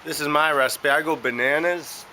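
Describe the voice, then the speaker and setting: Loud background noise and echo fill the room as a Canadian man vlogs his casual video diary. His voice is on the high side with a steady tone at normal speed, stuffed-up from a cold, and he rambles hesitantly with many fillers.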